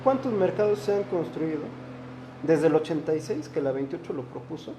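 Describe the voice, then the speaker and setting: A man's voice: on the high side, sing-song, moderate pace, mellow, echoey room, slight background noise. A man with a Mexican Spanish accent, a lawyer and guest in a studio interview, talking earnestly and stammering on his opening words.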